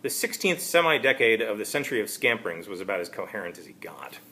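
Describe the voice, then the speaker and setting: An author reads his own first-person story aloud as an amateur reader, his delivery halting and wry. His pitch ranges widely, giving the sentences plenty of movement, and his tone is sing-song, bright, and forceful.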